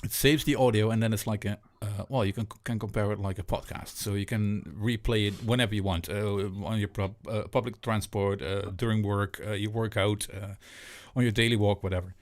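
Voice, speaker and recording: A man's voice: on the low side, steady tone, fairly quick, few pauses. A man hosting a casual live online radio chat, enthusiastic and full of repeated words and restarts. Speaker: host.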